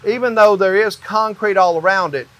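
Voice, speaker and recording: A high-pitched man, the owner of a company, gives a hands-on demonstration of construction, explaining it step by step. He talks at normal speed with a slightly bright tone, indoors in a metal-walled barn or shop.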